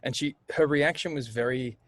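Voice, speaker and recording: A man, a singer and voice coach, chatting as an interview guest and telling stories in a lively way, acting out the voices he quotes. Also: medium pitch, normal speed, dry recording. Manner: animated storyteller, acts out quoted voices. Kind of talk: casual conversational interview.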